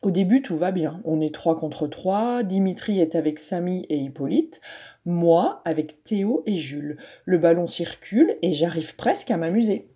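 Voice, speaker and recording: A woman narrating a children's storybook softly and gently. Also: fairly low pitch, animated, normal speed, husky.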